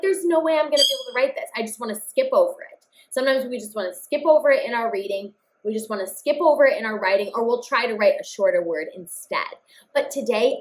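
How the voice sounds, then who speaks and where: Woman, cheerful phonics teacher, slightly high voice, slow drawn-out words. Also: poor audio. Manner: upbeat, addresses kids as friends, slow drawn-out words. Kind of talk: phonics lesson for children.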